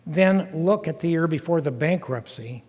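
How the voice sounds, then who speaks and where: A man's voice: on the high side, expressive, moderate pace, a little mellow, slightly rough. Older man lecturing in a reverberant hall. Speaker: guest lecturer recounting time in county government. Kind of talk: public lecture, first-person account.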